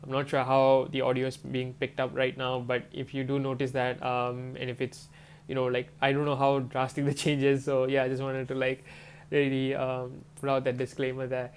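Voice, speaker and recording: A man who works as a manifestation coach rambles in a casual talk to camera, filling it with "um" and "you know." A cold has left him congested, with a stuffy nose and swollen throat. He speaks at normal speed in a medium-pitched monotone over slight background noise.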